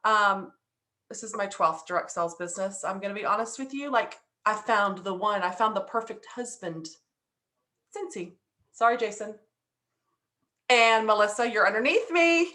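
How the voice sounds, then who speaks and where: A woman's voice: medium pitch, moderate pace, bright, forceful tone. A woman from the Houston area on a video-call panel, playful and joking.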